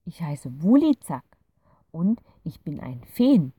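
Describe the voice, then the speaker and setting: A woman voicing a kind, gentle fairy creature who explains things patiently in a soothing storybook voice. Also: deep voice, very animated, slow pace, husky, no room sound, far from the mic, exaggerated voice.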